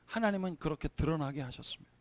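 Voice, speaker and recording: A man's voice: on the high side, expressive, fast, darkish tone. A male pastor preaching a sermon in a church, telling stories earnestly and growing emphatic. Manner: earnest storytelling that turns emphatic. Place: church sanctuary.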